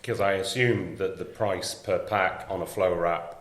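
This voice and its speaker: Here a man speaks in a low voice that stays flat and even, rarely rising or falling. His humour comes across dry, and the echo of the studio room surrounds his voice. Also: unhurried. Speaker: podcast co-host. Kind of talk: casual podcast chat.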